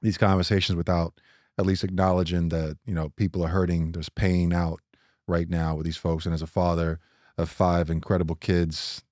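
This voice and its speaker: A man's voice: low-pitched, moderate pace, no echo, studio quality. A middle-aged man from Nigeria, co-hosting a casual podcast and telling personal stories with many restarts and playful jumps in his voice. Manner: animated storytelling, many restarts, voice jumps up when joking. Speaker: podcast co-host.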